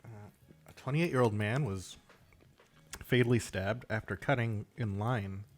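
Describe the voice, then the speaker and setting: A man's voice: fairly low pitch, measured pace. A man co-hosting a casual podcast, teasing his partner and talking with his mouth full. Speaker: podcast co-host. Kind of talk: casual chat. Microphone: studio microphone.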